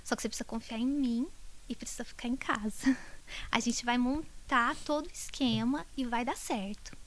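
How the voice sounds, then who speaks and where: Doctor lady on a podcast, highish voice, gets all emotional and goes whispery when the story gets tense. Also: normal speed, a bit bright. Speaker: doctor treating multiple sclerosis patients.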